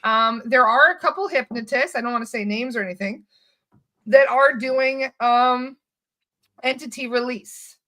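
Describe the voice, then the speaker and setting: Bright, animated woman hypnotist. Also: fairly high pitch, unhurried. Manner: animated storyteller who swears casually and acts out quotes. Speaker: hypnotist and spirit release practitioner. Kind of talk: casual conversational interview.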